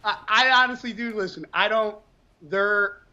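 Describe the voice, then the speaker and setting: Here the same kind of speaker, a New Jersey bodybuilder in his thirties, has a high voice and speaks a bit slowly over muffled, dull audio. He chats bluntly in a relaxed interview, cursing often and spinning animated stories.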